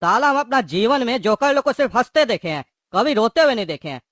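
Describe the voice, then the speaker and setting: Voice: mid-range voice, very animated, fast, fairly bright tone, no echo, clean studio sound. Someone voicing a bullying cartoon thug. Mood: mocking. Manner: bullying, mocking, threatening. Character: menacing male thug prisoner called Psycho Genda. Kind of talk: cartoon voice acting.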